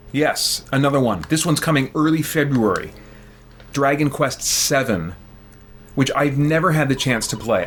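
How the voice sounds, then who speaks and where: A man's voice: mid-range voice, fairly bright tone, a little hiss or hum. A man hosting a gaming channel, chatting casually and thinking aloud with many fillers while he plays. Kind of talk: casual chat while playing games.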